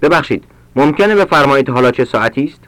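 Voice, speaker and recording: A man reading short practice sentences aloud for language learners, slowly and with careful enunciation. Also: medium pitch, expressive, a bit bright, no room sound. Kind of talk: read-aloud Persian drill sentences for learners.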